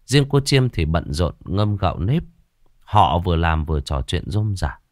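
A man with a very deep voice narrates a ghost story, dramatic and suspenseful, with slow pauses. His pitch rises and falls in lively swings. The sound is close-miked and dry. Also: no echo.

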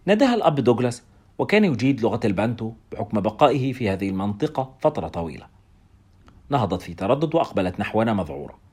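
A man reading a novel aloud, with wry, expressive first-person narration. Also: medium pitch, slightly rough.

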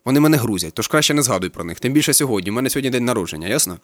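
A man's voice: mid-range voice, lively intonation, rapid-fire, no echo, studio quality, lightly acted. A man reading aloud voices a crude, offhand young man who talks in blunt slang, in an audiobook. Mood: irritated. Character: crude young man, cheerful camp worker.

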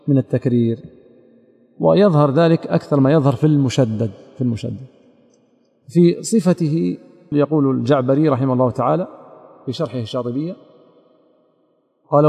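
A man lectures as a sheikh in a quick, methodical delivery and speaks directly to a student. His voice is gravelly and mellow. The recording carries a long hall reverb. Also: medium pitch. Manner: methodical, addresses a student directly, quotes scholars. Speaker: sheikh teaching recitation rules. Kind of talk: explanatory lecture on a didactic poem.

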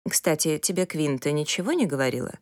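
A woman voicing a calm, matter-of-fact middle-aged mother with a low, even voice. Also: a little fast, no echo, clean studio sound. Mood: dry.

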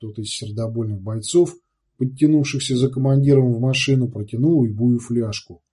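A man narrating an audiobook in steady storytelling. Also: medium pitch, fairly quick, slightly rough. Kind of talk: scripted narration.

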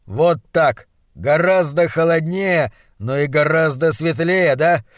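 A hoarse, excitable middle-aged scientist, put on by a male audiobook reader who barks at his young assistant in loud, emphatic bursts. His voice sits a little higher than the narration around him and sounds close and dry. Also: slow pace, no room sound. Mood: brisk, hectoring. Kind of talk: audiobook character voice.

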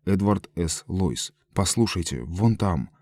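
A man voicing a frightened shopkeeper who shouts in panic and then speaks wearily, in an audiobook. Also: deep voice, lively intonation, slow pace, dry recording, heavily acted. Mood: weary. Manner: frantic shouting, then weary.

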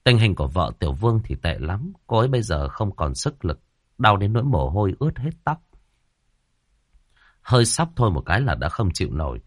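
Lively low-voiced male storyteller. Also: fairly quick, breathy edge, no echo, studio quality. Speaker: narrator. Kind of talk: audiobook narration.

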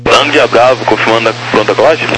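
A man's voice: medium pitch, quick pace, over loud music, low-quality recording. A man with a Brazilian accent giving clipped air traffic control instructions as a tower controller over radio. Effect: radio transmission.

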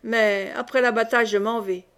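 A woman's voice: fairly high pitch, steady tone, normal speed, a bit bright, smooth. A woman reading the part of a blunt, matter-of-fact man-at-arms.

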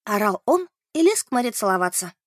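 A woman narrating an audiobook in an expressive, animated way. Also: medium pitch, a little fast, no room sound, clean studio sound.

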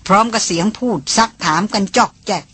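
Breathy woman narrating a novel. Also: medium pitch, fairly quick, a bit bright, dry recording. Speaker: audiobook narrator.

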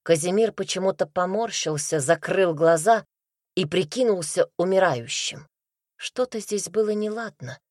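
A woman narrating a first-person novel in a lively, expressive reading voice, close to the mic. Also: on the low side, moderate pace, no room sound. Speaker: audiobook narrator.

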